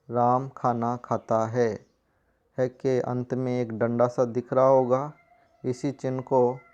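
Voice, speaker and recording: A male teacher gives a grammar lesson at an unhurried pace, his voice smooth and clear but held to a flat, even pitch. The recording is dull and lo-fi, missing brightness. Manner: slow, even explaining with spoken examples. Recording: dull lo-fi sound.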